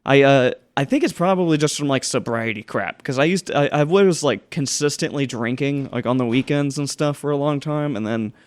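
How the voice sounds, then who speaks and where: A man's voice: mid-range voice, a little fast, few pauses. A young man co-hosting a casual lunch-break podcast, talking in a rambling way with many restarts. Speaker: podcast co-host. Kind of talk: casual chat.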